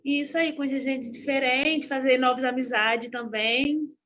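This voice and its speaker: A woman from Pernambuco, Brazil, introducing herself over a video call. She speaks hesitantly in short, halting phrases. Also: high-pitched, fairly even intonation, a bit bright. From Santana, Pernambuco, Brazil.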